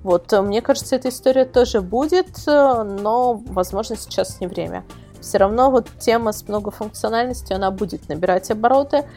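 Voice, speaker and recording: Soft music runs under a fairly quick, mellow, higher-pitched female voice. She is a website editor and product reviewer being interviewed, and her explanations come out loose and meandering, with emphatic repeats.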